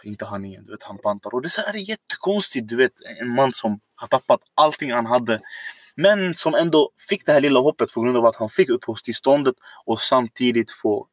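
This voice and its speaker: A man's voice: medium pitch, expressive, no echo, clean studio sound. A man casually telling a long personal story on a podcast, rambling and reflective, with many fillers.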